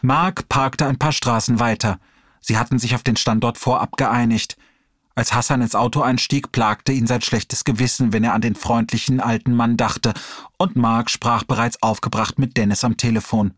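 A man reading an audiobook chapter aloud in a steady storytelling delivery. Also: medium pitch, normal speed, no room sound, studio quality. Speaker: audiobook reader. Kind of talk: audiobook narration.

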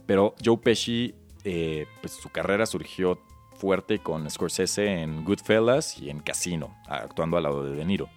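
Low male voice, Mexican accent, podcast co-host, casual film chat, explanatory and slangy, faint music. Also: measured pace. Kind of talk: casual chat about films.

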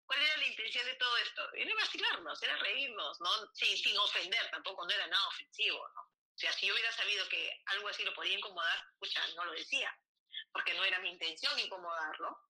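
A middle-aged Peruvian woman chatting casually and teasing, quick to laugh. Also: medium pitch, animated, sharp tone, low-quality recording. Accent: Peruvian Spanish. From Peru. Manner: joking, teasing, laughs easily. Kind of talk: casual chat.

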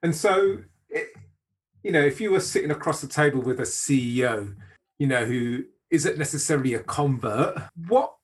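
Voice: mid-range voice, animated, moderate pace, breathy edge. An interviewer speaking conversationally, reflecting on answers and probing with follow-up questions.

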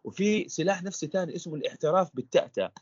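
A man's voice: high voice, lively intonation, very fast, a little mellow, slightly rough, no echo, dull audio. A man, a stuttering coach guesting on an interview podcast, explaining in a teacherly way with repeated rhetorical questions.

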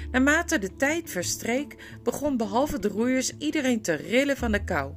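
Slow, expressive woman reading a story. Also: on the high side. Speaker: narrator. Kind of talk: audiobook storytelling. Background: faint guitar music.

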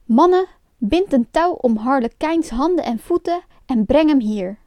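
A gruff, bossy male puppet master from a storybook, acted by a woman reader. He barks orders at the puppets in a fairly high, mellow voice. The recording is dry, with faint music behind him. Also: lively intonation, measured pace, no echo. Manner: bossy, shouting.

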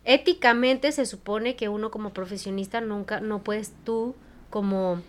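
A woman's voice: medium pitch, fairly even intonation, moderate pace. A woman with a Mexican accent, a psychologist co-hosting a casual podcast chat, talking frankly and expressively and swearing freely. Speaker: psychologist co-host.

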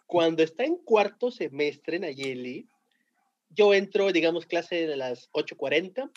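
A Mexican man with a fairly high voice tells school stories in loose slang. He tells them with lively energy and laughs often. The sound is dull and lo-fi. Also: unhurried. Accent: Mexican Spanish. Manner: animated, slangy, laughing storyteller. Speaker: teacher. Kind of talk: casual podcast storytelling.

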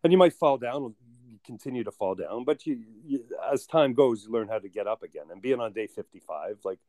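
A podcast host, a man, telling a personal story in a halting, emotional way, full of restarts. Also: mid-range voice, expressive, dark tone, dry recording.

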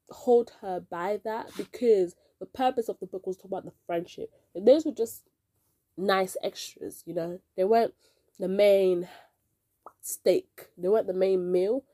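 A woman hosting a casual book review podcast, nasal and stuffed-up from a cold, chatty and excitable as she talks straight to her listeners. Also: mid-range voice, no room sound, clean studio sound. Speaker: podcast host.

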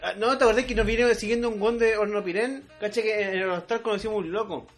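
A man's voice: high-pitched, steady tone, fast talker, soft background music. A young man with a Chilean accent telling stories in a casual podcast chat, slangy and laughing often. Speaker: podcast co-host.

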